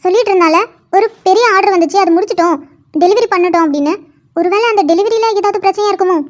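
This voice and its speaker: A woman voicing an anxious middle-aged aunt who gently scolds and worries. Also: extremely high pitch, rapid-fire. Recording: dull lo-fi sound.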